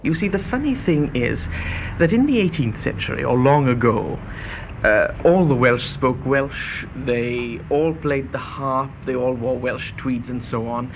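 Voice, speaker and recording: A man's voice: mid-range voice, a little slow. A man giving discursive interview answers in hesitant, intellectual phrasing, circling back over his words. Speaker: interviewee, commentator. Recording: faint background noise.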